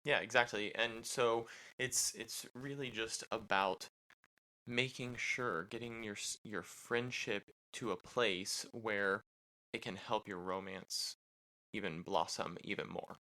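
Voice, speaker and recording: A man's voice: fairly low pitch, steady tone, slow pace, bright, forceful tone. A man co-hosting a podcast with his wife, talking casually with lots of "you know" fillers and restarts. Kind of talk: casual chat.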